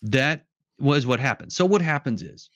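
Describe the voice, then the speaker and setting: Man, talky podcast guest, animated storyteller, muffled dry audio. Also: medium pitch, moderate pace, no echo. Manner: animated storyteller who acts out quotes. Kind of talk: casual conversation.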